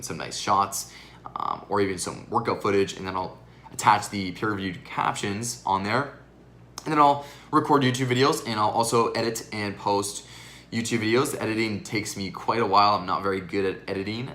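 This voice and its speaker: Young guy fitness coach vlogging, kinda low voice but punchy and forceful, a bit worn out from teaching all day. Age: 20s. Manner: earnest, talks straight to viewers. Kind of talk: casual Q&A vlog to camera.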